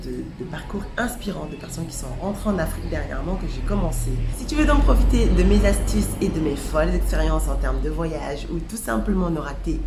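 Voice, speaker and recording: Deep gravelly woman hosting her channel. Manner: upbeat, direct address to viewers. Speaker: channel host. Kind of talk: channel intro to camera. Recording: roomy sound with loud music underneath.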